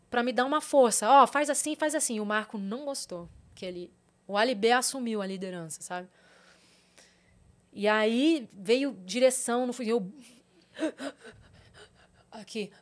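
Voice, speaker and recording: A middle-aged Brazilian woman with a Brazilian Portuguese accent, a podcast guest telling a story in lively fashion and quoting others in changing voices. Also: on the high side, unhurried, long pauses. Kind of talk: casual podcast interview.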